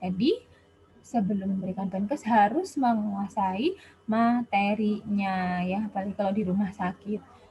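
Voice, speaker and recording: A woman gives a relaxed spoken lecture, chatting along with plenty of fillers. Her voice sits at a middling pitch for a woman. The recording is dull and muffled, like a basic lo-fi voice memo. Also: measured pace. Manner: chatty, with many Javanese-flavored casual fillers. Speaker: health education lecturer.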